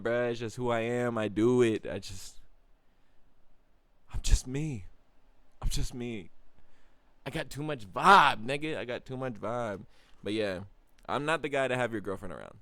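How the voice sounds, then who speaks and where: A man's voice: clear, resonant tone, no echo. Slangy young man telling stories, dry close sound. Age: young adult. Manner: slangy, animated, swings into high-pitched exclaims. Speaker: vlogger. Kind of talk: casual storytelling monologue.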